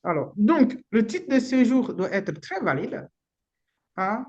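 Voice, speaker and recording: A woman's voice: a little high, sing-song, slow, a little mellow, muffled recording. A woman lawyer with a Beninese accent gives informal, frank advice in a live online session, using the odd blunt slang word. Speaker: immigration lawyer.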